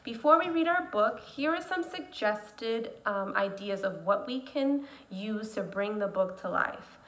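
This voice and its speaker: A woman teacher giving a read-aloud lesson, telling the story in an animated way with sudden whispers and exclamations. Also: medium pitch, a little slow.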